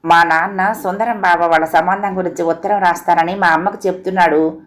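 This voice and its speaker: A woman's voice: fairly low pitch, steady tone, fairly quick, natural voice. A woman voicing a timid, pouting young village girl.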